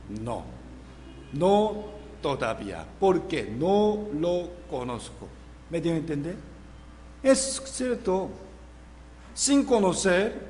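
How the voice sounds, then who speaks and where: Slow, animated preacher in a hall. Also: male voice, sits high, a little hiss or hum. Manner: slow, emphatic, asks the audience questions. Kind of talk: Bible seminar sermon.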